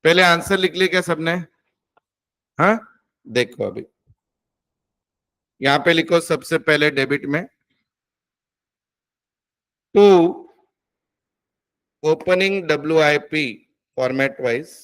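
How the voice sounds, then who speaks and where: Man, accounting tutor, fairly high voice, quizzing students. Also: slow, long pauses, fairly bright tone. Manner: coaxing, addresses students as beta, quizzes them. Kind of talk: classroom teaching.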